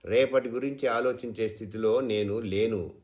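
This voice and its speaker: A man's voice: on the low side, normal speed, darkish tone, close to an everyday voice. A man voicing a stubborn farmer husband who speaks with indignation and bitterness. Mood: resigned. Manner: indignant, then weary.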